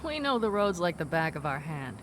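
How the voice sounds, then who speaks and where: A confident nomad woman in a video game. Her voice sits a little low and she talks matter-of-factly and reassuringly. There is faint vehicle noise around her. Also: sing-song, fairly quick, a bit bright. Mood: assured. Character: tough, confident nomad woman, loyal smuggler comrade.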